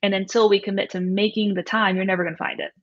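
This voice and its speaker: A woman of about 30 to 45, guesting as a nutrition coach, answers interview questions at a quick pace in a medium-pitched, level voice. Her style is conversational and explanatory, sprinkled with "right?" and "you know". The recording is lo-fi and dull.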